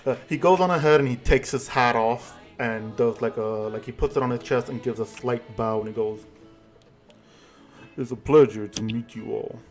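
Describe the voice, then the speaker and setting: A man narrating a tabletop role-play session as its game master. His voice sits at an average pitch, and he talks hesitantly, full of fillers and restarts. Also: fairly quick, hardly any pauses, soft background music.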